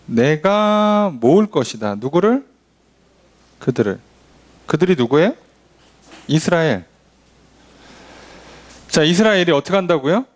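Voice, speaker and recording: A male pastor leading a midweek Bible study, teaching in a conversational, animated way and acting out quotes. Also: fairly high pitch. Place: church.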